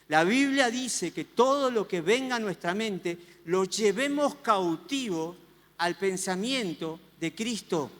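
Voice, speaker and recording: A Rioplatense male pastor preaches with a fairly high voice, mixing scripture with wry, self-mocking stories. His words ring out with a long reverb, as if filling a church hall. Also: a bit bright. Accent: Rioplatense Spanish. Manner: storytelling with self-mocking humor. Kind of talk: sermon.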